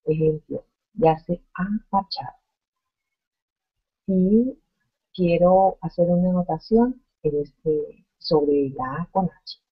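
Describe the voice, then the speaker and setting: A woman teaching a grammar lesson at a slow, careful pace. Her voice is soft and breathy. The audio is dull and lo-fi. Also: lowish voice. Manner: slow, deliberate explaining with spoken examples. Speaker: Spanish teacher.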